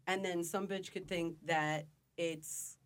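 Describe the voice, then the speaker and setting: Female podcast co-host, lower register, blunt and playful. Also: fairly even intonation, slow. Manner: teasing, outspoken, laughs often. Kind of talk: casual podcast chat.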